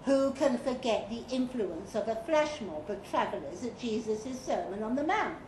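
At a pub function room fiction event, a woman reads a comic guidebook to a live crowd at normal speed. Her voice is a little high with lively intonation, and her tone is dry and mock-official with playful emphasis. The roomy live recording is noisy, with audience laughter and room sounds.

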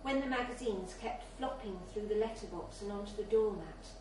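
At a live event in a bar, a woman with a medium-pitched voice briskly reads a literary short story as scripted narration. The audio sounds very echoey, picked up by a distant mic with some faint noise.

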